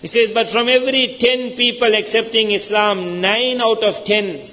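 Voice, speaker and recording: A man's voice: high-pitched, fairly even intonation, normal speed, bright, forceful tone. A man with a South African accent preaching a sermon in a mosque, telling a story and acting out the quoted lines with rising intensity. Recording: long hall reverb in a mosque.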